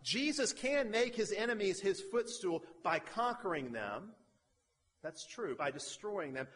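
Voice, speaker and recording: A man preaches a sermon in a slightly higher voice, driving his points home with emphatic, repeated phrasing. His voice rings out with the long reverb of a large hall. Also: animated, unhurried, a bit bright, slightly rough. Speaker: pastor.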